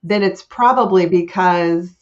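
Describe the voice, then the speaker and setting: A woman's voice: on the low side, measured pace. Woman host, enthusiastic casual chatter, muffled call sound. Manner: chatty, enthusiastic, frequent fillers. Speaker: host of weekly staff wrap-up. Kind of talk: casual staff chat.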